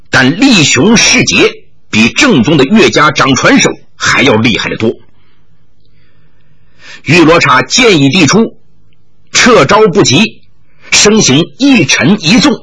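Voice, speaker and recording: A male storyteller narrates a martial arts tale with dramatic flair. His voice is bright and husky. His pitch rises and falls in wide, lively swings. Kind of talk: wuxia novel storytelling.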